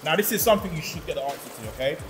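A man's voice: fairly high pitch, expressive, rapid-fire. A man in his twenties with a London accent, chatting in playful, teasing slang as a quiz contestant. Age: 20s. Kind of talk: casual playful banter. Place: large tiled indoor pool room, in a tub of water. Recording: echoey reverberant pool hall, music behind.

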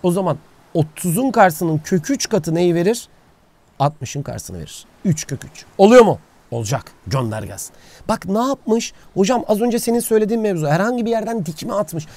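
A man's voice: high voice, big pitch swings, normal speed, a little mellow, dry recording. A man teaching a casual geometry lesson outdoors, asking questions and answering them himself. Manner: talks to himself, asks and answers his own questions. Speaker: math teacher. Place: outdoors, by the sea.

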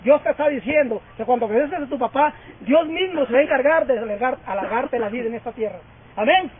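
A man's voice: very high voice, lively intonation, fast, husky. A man in his fifties preaching a fervent sermon and calling out for amens. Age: 50s. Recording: tinny phone-like sound.

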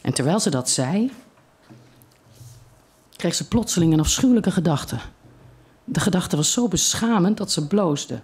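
Calm reader for a live short-story evening, measured delivery. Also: medium pitch, slightly rough. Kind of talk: reading a short story aloud at a literary evening.

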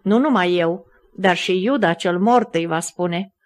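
A woman reading the lines of an anguished, remorseful male apostle who bursts out in loud, furious accusations. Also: lowish voice, close to an everyday voice. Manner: impassioned, loud accusing outbursts.

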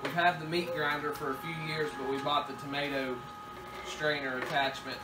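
A man's voice: fairly high pitch, flat delivery, normal speed, loud music behind the voice, rough recording. A man in his thirties, a homestead father, casually explaining a kitchen task while working with his kids at home. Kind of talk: casual demonstration.

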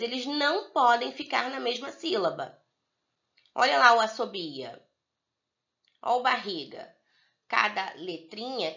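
A Brazilian woman teaching young pupils in a recorded video lesson, slowly spelling out words for the children. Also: medium pitch, fairly bright tone, dull audio. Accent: Brazilian Portuguese. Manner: slow, drawn-out word-by-word dictation for young pupils. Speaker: primary school teacher.

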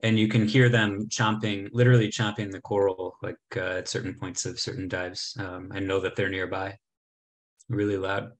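This travel presenter, a man in his thirties, has a deep voice and a flat delivery at normal speed, and the recording is rough. He's giving a chatty slideshow talk about travel remotely from an indoor room via webcam video call, full of ums and false starts.

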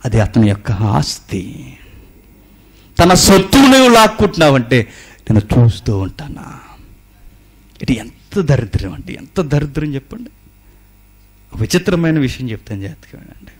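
A man preaching with force and fires question after question at his congregation. His voice sits at an ordinary middle pitch. He rises to loud outbursts, then drops low to tell a story. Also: very animated, a little slow, long pauses, husky. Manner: emphatic, with rhetorical questions to listeners; swings between loud exclamation and quiet storytelling. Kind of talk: sermon.

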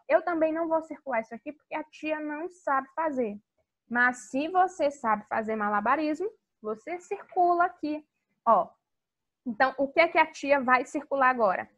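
A woman teaching English to young children in a video lesson, with a sing-song teacher manner and slowly spelled-out English words. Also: high-pitched, a bit bright. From Brazil. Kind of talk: recorded video lesson for kids.

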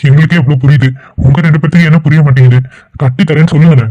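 A man's voice: fairly high pitch, steady tone, very fast, mellow, lightly acted. A man voicing a mild, conciliatory middle-aged father in a cartoon. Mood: calm. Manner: plain, conciliatory. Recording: tinny phone-like sound.

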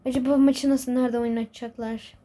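A woman with a high voice narrates her game role-play, muttering to herself in frantic bursts. Clear background noise and clicking run under her voice. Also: level tone, a little fast, warm tone. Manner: frantic, panicky self-talk.

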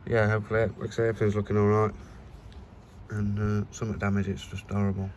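Filming on a handheld phone, an allotment vlogger walks through his plot and then his houseplants, chatting casually and plainly. His voice is on the low side, a little mellow, with little pitch movement and a fast pace. Wind noise fills the outdoor part before he heads into a room at home.

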